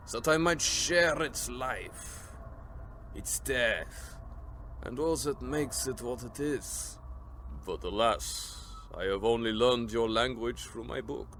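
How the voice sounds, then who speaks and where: Sinister vampire count, courtly, formal, deliberate, radio drama, faint noise behind. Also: male voice, medium pitch, fairly bright tone. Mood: wistful, courtly. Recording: faint background ambience noise.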